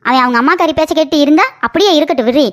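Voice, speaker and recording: A woman voicing a sharp-tongued, combative middle-aged mother of the bride in a comic cartoon. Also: sits high, racing, natural voice. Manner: combative, mocking.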